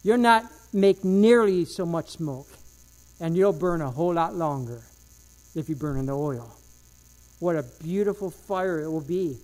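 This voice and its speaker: Fervent high-voiced male preacher. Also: a little slow, darkish tone. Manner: fervent, rising and falling emphasis, repeats phrases. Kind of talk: sermon.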